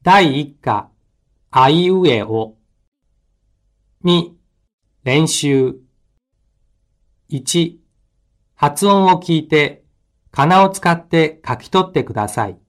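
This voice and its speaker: A man narrates a listening course, reading numbered drill instructions. He speaks very slowly and carefully, with a slightly raised pitch. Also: animated. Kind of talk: slow scripted instructions.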